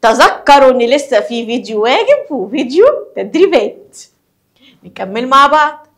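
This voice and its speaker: A woman's voice: sits high, big pitch swings, moderate pace. A woman with an Egyptian accent explaining a school lesson to young children, asking questions and answering them herself. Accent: Egyptian Arabic. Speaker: primary school teacher.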